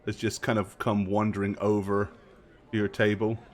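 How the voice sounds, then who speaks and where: A man's voice: lowish voice, monotone, moderate pace. A man narrating a tabletop role-playing game as game master.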